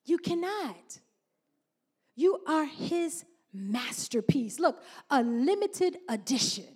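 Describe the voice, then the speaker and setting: A middle-aged woman pastor, preaching with very high pitch. She leans into call-and-response and stretches out key words for emphasis. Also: sing-song, slow, darkish tone. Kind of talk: sermon.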